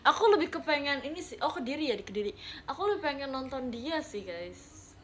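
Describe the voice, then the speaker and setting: A young woman on a live stream playfully answers chat messages, her speech mixed with English words. Her voice sits high and fairly bright, with lively intonation and a slightly fast pace, over slight background noise.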